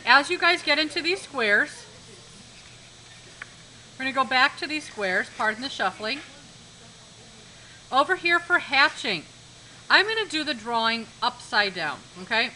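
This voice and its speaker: A woman's voice: sits high, bright, forceful tone, a little hiss or hum, poor audio. A woman art teacher giving a live demonstration lesson in a classroom, instructive, repeating key points and checking that students follow.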